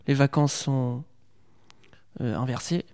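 A man's voice: medium pitch, fairly even intonation, takes it slowly, darkish tone, long reverb tail. A young man from Portugal, answering interview questions hesitantly with many fillers and restarts. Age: young adult. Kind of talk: casual interview.

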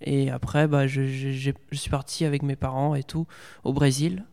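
Young male interviewee, hesitant and halting, flat warm voice, reverberant room. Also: mid-range voice, gravelly, clean tone. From Portugal. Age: young adult. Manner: hesitant, many fillers and restarts. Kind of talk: casual interview.

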